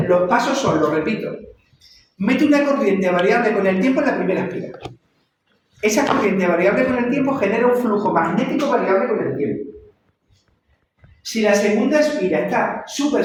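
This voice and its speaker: A man's voice: sits high, slight background noise. Lecturing man, far off in an echoey room. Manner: repeats and checks understanding with "¿vale?". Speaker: university lecturer. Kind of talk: classroom lecture.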